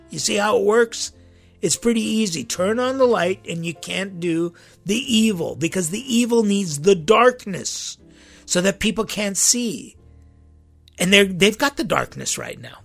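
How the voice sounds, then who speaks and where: A man's voice: fairly high pitch, vocal fry, fairly bright tone, breathy edge. A man preaching a sermon with passion, repeating phrases for emphasis.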